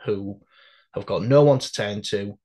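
A man's voice: on the low side, unhurried, a little mellow. A British man in casual conversation, talking in a hesitant, reflective way as he interviews a guest.

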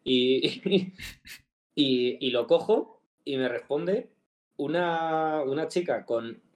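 Hombre charlando con humor, acento de España. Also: male voice, a little high, drawn-out words. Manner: storytelling, jokey, animated retelling of a phone call. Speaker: podcast co-host. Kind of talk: casual chat.

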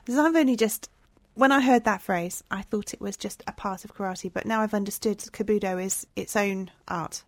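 A woman's voice: medium pitch, moderate pace, hardly any pauses, no room sound. Curious English woman asking questions. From England. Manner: curious, asks questions, laughs easily. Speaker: podcast co-host. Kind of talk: casual chat.

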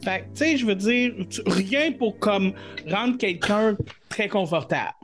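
A man's voice: high voice, animated, measured pace, music in the background. A man with a Québécois French accent hosting a podcast, chatting casually and hesitantly with lots of fillers. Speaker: podcast host. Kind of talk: casual chat.

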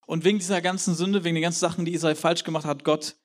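A man's voice: on the high side, steady tone, very fast. A young man giving a sermon in a casual, youthful way, acting out the quotes of the people he tells about. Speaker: preacher.

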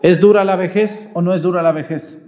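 Folksy priest preaching. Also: male voice, sits high, steady tone, fairly quick, mellow. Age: 40s. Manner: questioning the congregation directly, folksy. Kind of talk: sermon at Mass.

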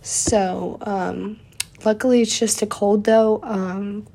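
Her medium-pitched voice is gravelly and dark, with fairly even intonation, and she takes her time. She's a young podcast host with a slight cold, talking casually and chattily on her own show with plenty of fillers.

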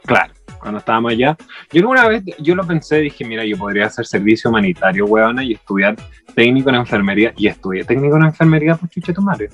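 A man's voice: medium pitch, lively intonation, fast, a bit bright, faint music behind. A man with a Chilean accent in casual chat, teasing and mock-dramatic in a camp way. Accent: Chilean Spanish.

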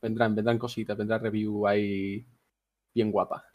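A man's voice: on the low side, little pitch movement, moderate pace, darkish tone. Laid-back Melillan podcast co-host, male. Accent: Melillan Spanish. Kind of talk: casual chat.

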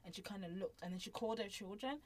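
A woman chatting quickly and animatedly as a podcast co-host, telling stories. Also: mid-range voice. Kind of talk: casual chat.

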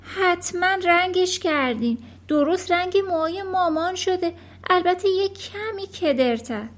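Woman voicing a rude young son, yelling, high voice. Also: animated. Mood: loud.

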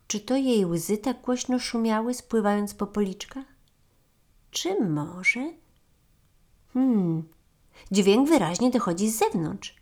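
A woman narrating a children's story in a gentle storytelling manner. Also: mid-range voice, expressive, takes it slowly, pauses often.

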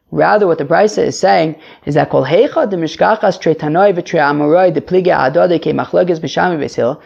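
A man teaching a daily Talmud lesson, explaining each line in an animated way with emphatic jumps in pitch. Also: gravelly. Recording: dull lo-fi sound.

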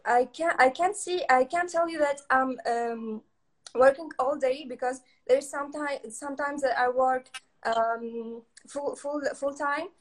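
A young woman from Tunisia speaks English with a Tunisian accent, her high voice hesitant and full of pauses and fillers. She answers questions as a guest in a live online interview. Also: rough recording. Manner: halting non-native English with many fillers. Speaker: guest photographer.

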